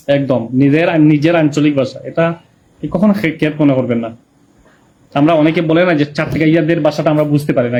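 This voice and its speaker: A man's voice: on the high side, a little mellow. A man with a Sylheti Bengali accent chatting casually on a live stream, reading viewers' comments and greeting them by name.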